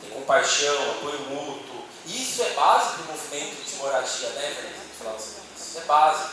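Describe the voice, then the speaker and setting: This man, a church panel speaker with a Brazilian Portuguese accent, addresses an audience in a meeting hall in a conversational way, leaning on lots of tag questions. His fairly high voice is expressive and fairly quick. The handheld mic sits far from him, so the noisy, echoing hall and a background crowd come through.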